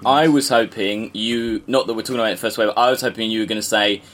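A man's voice: fairly low pitch, steady tone, quick pace, fairly bright tone. A man chats on a podcast as one of the co-hosts. He banters in a laid-back way and drops wry asides into the talk. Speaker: podcast co-host. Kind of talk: casual podcast chat.

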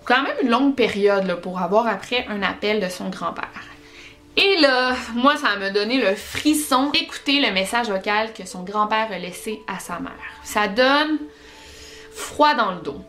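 A woman with a Québécois accent, hosting a podcast and telling paranormal stories in an animated, chatty way. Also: mid-range voice, a little slow, faint music behind. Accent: Québécois French. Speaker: podcast host.

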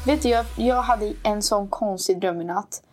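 A woman's voice: medium pitch, darkish tone, soft background music. A young woman from Sweden, co-hosting a podcast, chatting casually and switching between Swedish and English with frequent laughs. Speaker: podcast co-host. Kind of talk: casual chat.

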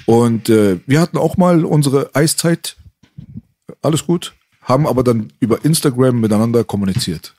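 A man hosting a podcast chat, calm and explaining his point. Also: mid-range voice, moderate pace.

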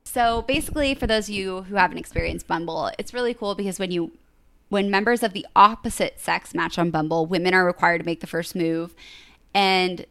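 A woman's voice: lowish voice, fairly quick, a bit bright, no echo. A young woman co-hosting a podcast, casually retelling a story and filling her speech with "like". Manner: chatty, fills speech with "like".

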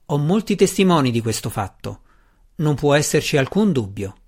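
A man reading the part of a proud, scheming dark elf matron in an audiobook, speaking sharply and insistently. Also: a little high, very animated, normal speed. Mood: stern.

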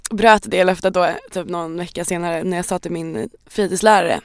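A woman, casually telling a lively childhood anecdote as a podcast co-host. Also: on the low side, creaky, dry recording, clean studio sound. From Stockholm. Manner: lively anecdotal, acts out quotes, swears casually. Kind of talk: casual chat, storytelling.

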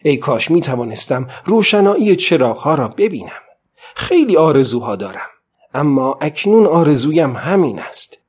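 A husky, worn-out old fisherman, read by a man, muttering to himself in a tired voice and then hardening into stubborn defiance. He lifts his pitch a little for this storybook figure, who stays alone and determined out at sea. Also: very animated, darkish tone. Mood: weary. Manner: talks to himself, swinging from weary murmur to defiant outburst. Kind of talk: audiobook reading.

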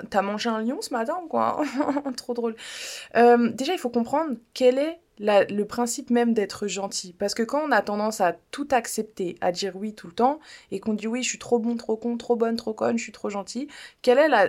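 A woman's voice: fairly high pitch, moderate pace, a little mellow. A woman hosting a podcast, talking in a casual, blunt and playful way, directly addressing the listener. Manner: chatty, blunt and playful, slips in joking foreign-accent bits. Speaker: podcast host. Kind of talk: casual self-help podcast monologue.

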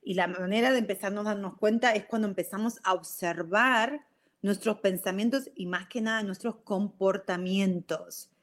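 A middle-aged woman with a Rioplatense Spanish accent talks casually to her live viewers about personal growth. She speaks in loose, chatty runs, breaking off and restarting her thoughts. She keeps checking in with a quick "ok?" after her points. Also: mid-range voice. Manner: chatty, frequent "ok?" tags. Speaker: live stream host. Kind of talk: casual talk on self-growth.

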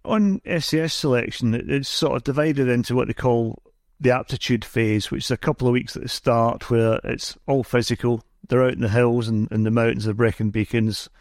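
A man's voice: mid-range voice, fairly even intonation, moderate pace, a little mellow, no echo, clean studio sound. A man hosting the podcast, asking long, rambling questions. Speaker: podcast host. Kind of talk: interview questions.

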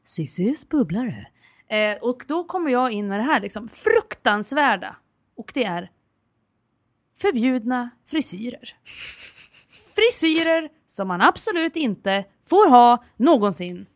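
A young woman co-hosting a casual podcast in a hot studio, bantering and teasing with quick interjections. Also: fairly high pitch, big pitch swings, no echo. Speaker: podcast co-host. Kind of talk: casual chat.

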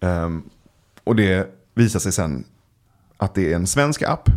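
A man chatting as a podcast guest, telling stories in a relaxed way with many filler sounds. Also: sits low. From Sweden. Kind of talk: casual storytelling chat.

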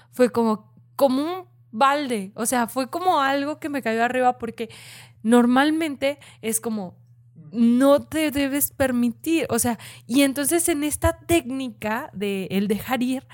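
A woman in casual conversation telling an animated personal story, full of fillers and restarts. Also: high-pitched. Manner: animated, many "o sea" fillers.

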